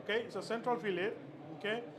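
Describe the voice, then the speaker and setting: Man from Chile, chef instructor, high voice, halting demo talk, noisy expo floor. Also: steady tone. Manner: halting, many fillers and repeated words. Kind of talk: live cooking demonstration. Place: expo stage. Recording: noisy expo hall ambience.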